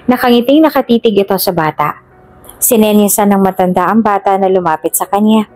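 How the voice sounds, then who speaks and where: A woman narrating a scripted drama story in a steady, measured reading. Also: mid-range voice, soft background music.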